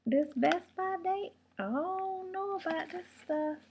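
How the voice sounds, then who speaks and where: A woman's voice: very high voice, slow, noisy background. A woman chatting casually to the camera from home as a beauty and shopping vlogger, rambling into stories. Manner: chatty, rambling storyteller with laughs. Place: home room.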